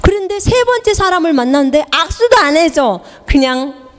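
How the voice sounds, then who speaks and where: A woman missionary preaching a sermon, pressing the listener with rhetorical questions and dropping now and then into hushed whispered asides. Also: extremely high pitch, lively intonation, normal speed, big-room sound. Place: church hall.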